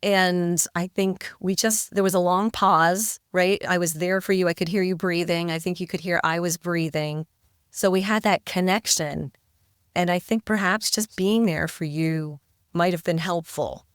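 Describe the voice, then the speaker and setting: A woman's voice: on the low side, steady tone, measured pace, smooth, dry recording, clean studio sound. A middle-aged woman recounting events as a podcast guest, reflective and hesitant, often repeating words. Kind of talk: interview storytelling.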